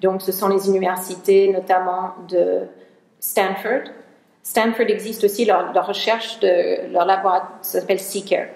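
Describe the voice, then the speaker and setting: A woman's voice: medium pitch, a little mellow. A woman researcher giving a conference talk in a lecture hall. She often searches for words and restarts her sentences. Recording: roomy hall sound.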